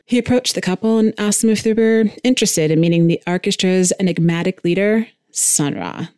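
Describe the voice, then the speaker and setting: A woman with a fairly low, darkish, clear and resonant voice reads scripted podcast narration as the host, speaking a little fast. The recording is dry and close, with no room sound.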